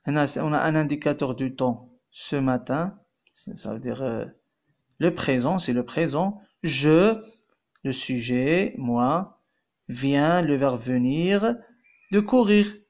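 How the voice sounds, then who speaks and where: A man teaching French grammar, explaining and repeating phrases slowly, then translating into Arabic. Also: mid-range voice, a little mellow. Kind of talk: bilingual grammar lesson.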